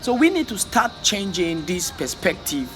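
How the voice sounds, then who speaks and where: Speaking at a normal speed with big swings in pitch, this vlogger from Africa has a high, slightly bright voice, and soft music plays in the background. His impassioned motivational talk is repetitive and exhorting, and he stumbles over his words as the fervor rises.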